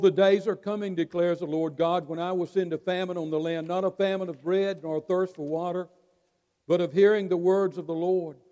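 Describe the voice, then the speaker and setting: A man preaching a sermon to his church, emphatic, with dramatic pauses between words. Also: sits high, mellow, dull audio. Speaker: pastor. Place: church sanctuary. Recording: long reverb of a large hall.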